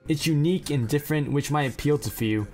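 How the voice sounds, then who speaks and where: A man's voice: a little high, fast talker, mellow, soft background music. Blunt, profane man reading anime synopses. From China. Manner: blunt, profane, self-deprecating asides. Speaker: anime list narrator.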